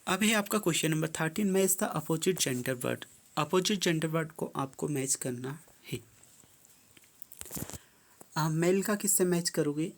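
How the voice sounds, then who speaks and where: A teacher going through a worksheet step by step, reading each English prompt slowly and then explaining it in plain terms. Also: mid-range voice.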